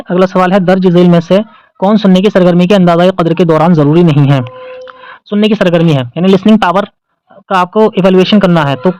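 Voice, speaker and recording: A man's voice: sits high, darkish tone, no echo, low-quality recording. A man with an Indian Urdu accent, teaching as an exam-prep teacher and explaining test questions, who repeats the answer options and asks and answers his own questions.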